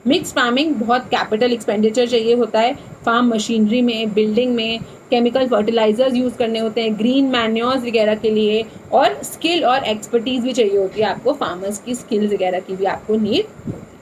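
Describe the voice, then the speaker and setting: A young woman teacher walks through a revision lesson in a talky, repeating style, blending Hindi and English terms. Her voice sits a little high. A faint noise runs under the recording. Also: steady tone, brisk, few pauses, low-quality recording.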